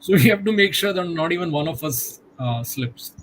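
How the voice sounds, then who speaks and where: A middle-aged man, a guest in a conversational interview, speaking in a reflective, measured way with many "you know" fillers over a video call. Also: a little high, animated, a bit bright, a little hiss or hum, low-quality recording.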